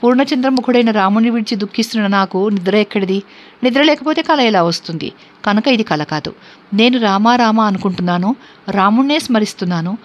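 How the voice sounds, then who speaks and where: A woman's voice: mid-range voice, lively intonation, a little fast, natural voice. Woman reading as a grieving captive princess. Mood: anxious. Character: grieving captive young princess, devoted wife. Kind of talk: scripture reading. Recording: dull lo-fi recording.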